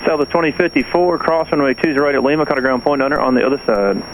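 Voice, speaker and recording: Very fast and somewhat high-pitched, a male airport tower controller delivers clipped air traffic instructions via aviation radio transmission, heard through noisy radio audio.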